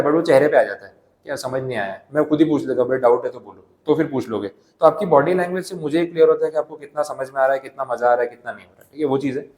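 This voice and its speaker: A man gives a classroom lecture at a middle pitch, explaining patiently with everyday examples. He reads English passages aloud slowly and deliberately. The room around him is echoey. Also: a little mellow. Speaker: teacher.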